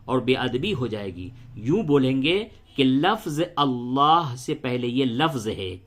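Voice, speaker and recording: A man teaching Quran recitation rules, patiently repeating each point step by step and slowly chanting verses. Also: mid-range voice, animated, a bit bright. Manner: slow melodic chanting when reciting verses. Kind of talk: tajweed lesson, spelling out letters and reciting.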